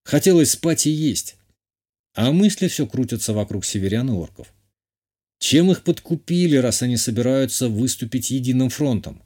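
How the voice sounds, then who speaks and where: A man reading a first-person audiobook in a measured, even way. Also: medium pitch. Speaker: audiobook narrator. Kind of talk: scripted first-person narration.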